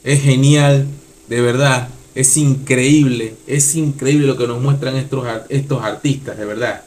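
A man's voice: mid-range voice, steady tone, a little slow. A man reacting to a music video in casual commentary, enthusiastic and repeating short phrases. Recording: loud song playing under the voice.

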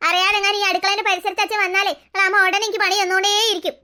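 A performer doing a sulky, complaining father in a comic family sketch, in a very high, bright and fast voice. He whines and grumbles instead of helping. No deepening or gruffness is put into the voice. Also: little pitch movement, full character voice. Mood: grumbling. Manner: whiny, complaining.

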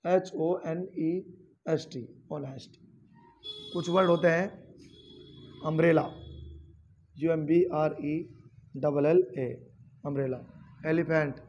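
A man teaching grammar, spelling words out letter by letter and calling his viewers friends. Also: high-pitched. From India. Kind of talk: classroom-style lesson.

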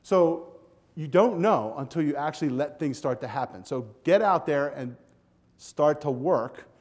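An older man delivers a keynote from a hotel ballroom stage, his voice pitched a touch high for a man. He talks with lively, coaching energy, speaking straight to the students in front of him. The sound is a close lapel mic. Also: measured pace. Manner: energetic, animated, walks the stage with a handheld clicker. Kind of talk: conference keynote speech. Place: hotel ballroom with a seated audience.

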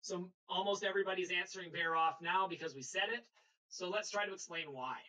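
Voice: medium pitch, brisk, bright, forceful tone, poor audio. A sailing instructor giving a live webinar lecture over a video call, explaining patiently and checking in with the class.

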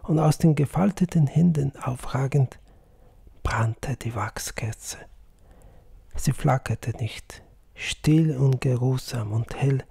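Slow gravelly male audiobook narrator. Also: medium pitch, dry recording. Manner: slow, hushed, at times whispered reading. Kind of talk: scripted literary narration.

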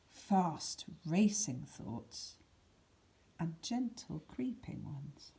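An expressive woman with a mid-range voice reads a storybook at a slow pace. She's a teacher narrating a picture book for children from a script, deliberate in manner, with dramatic emphasis and hushed words.

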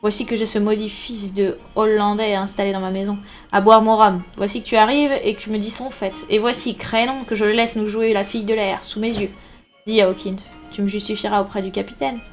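A woman reading a novel aloud and putting on the voice of a loud, crafty one-legged male pirate innkeeper who talks in a booming, theatrical way. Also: flat delivery, fairly quick, faint music behind, natural voice. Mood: jovial.

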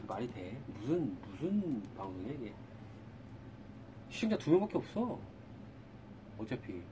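A man's voice: mid-range voice, very animated, measured pace, background noise. Exasperated young man scolding his stream chat. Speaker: live streamer. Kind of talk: casual live-stream talk to chat.

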